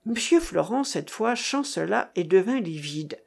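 A woman reading a novel aloud in a measured narrating voice. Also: medium pitch, expressive, gravelly, husky. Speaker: reader.

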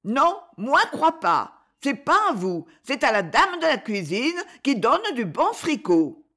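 A woman's voice: sing-song, slow pace, fairly bright tone, heavily acted. A woman voicing a timid little boy who speaks in broken, childish sentences. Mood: earnest. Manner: high childish babble, insistent.

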